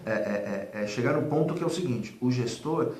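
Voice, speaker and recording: Animated man giving sales advice, echoey room. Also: medium pitch, brisk. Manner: animated, acts out dialogues, many fillers. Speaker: sales consultant guest. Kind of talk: casual advice talk. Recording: echoey room, faint background noise.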